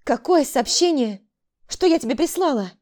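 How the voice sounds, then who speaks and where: Woman voicing a shrill, frightened younger sister. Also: animated, a little slow, mellow. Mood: desperate. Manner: shrill, pleading, indignant.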